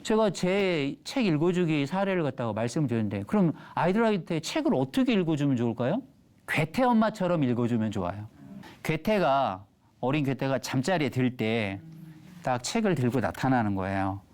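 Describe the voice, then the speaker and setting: A middle-aged man, an elementary school teacher, giving a lively lecture on a TV stage and acting out the voices of children and parents. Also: medium pitch, normal speed. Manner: animated storytelling, acts out children's and mothers' voices.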